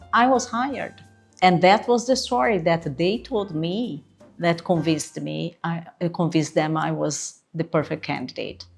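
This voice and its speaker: A woman whose native language is Portuguese, speaking with a Brazilian accent in a fairly low, darkish voice, coaches job-seekers in an instructional video. As an interview coach she's earnest and emphatic, often checking in with "right?".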